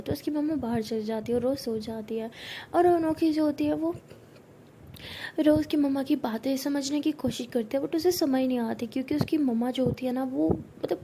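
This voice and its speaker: A woman's voice: high voice, dark tone, a little hiss or hum. Chatty young woman telling a story. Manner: chatty, uses many fillers. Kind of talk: casual spoken storytelling.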